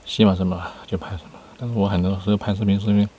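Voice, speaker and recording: A man's voice: fairly low pitch, flat delivery, very fast, warm tone, muffled recording, a little hiss or hum. A man in his thirties chatting casually to camera between bites while eating inside a car. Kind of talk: casual mukbang chat.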